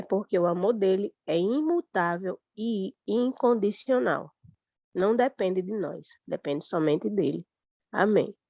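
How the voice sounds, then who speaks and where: A woman in a devotional conversation, speaking gently and reassuringly, with small fillers. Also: medium pitch, dry recording, studio quality. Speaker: church sister sharing a reflection.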